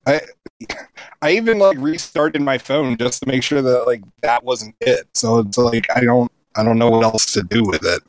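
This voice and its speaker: A man co-hosting a casual online chat on a gaming headset, his voice robotic and metallic from a bad connection, halting and self-deprecating. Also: medium pitch, no room sound. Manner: halting, self-deprecating, stumbles over restarts. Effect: robotic, metallic-sounding voice from a bad connection. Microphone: gaming headset over an online call.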